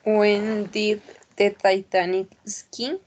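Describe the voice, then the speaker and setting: A woman's voice: medium pitch, level tone, drawn-out words, darkish tone. A woman student answering a teacher's grammar questions in class with careful, tentative replies.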